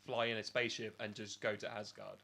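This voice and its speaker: Just over an illness, a man from England co-hosts a podcast with a lowish, gravelly voice that still sounds a little rattly, pushed and bright. He talks fairly fast with a flat delivery, chatting casually, rambling and often starting over.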